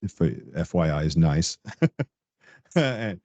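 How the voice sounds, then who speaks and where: Deep-voiced man, animated podcast guest. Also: takes it slowly, no echo, highs cut off. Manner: animated storyteller, laughs often, acts out coworkers' lines. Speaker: podcast guest, tech director. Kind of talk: casual interview chat.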